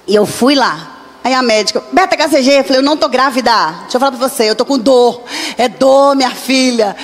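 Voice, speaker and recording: Brazilian woman, pastor, high voice, lively testimony sermon, acts out dialogue. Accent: Brazilian Portuguese. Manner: animated storytelling, acting out dialogue. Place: church.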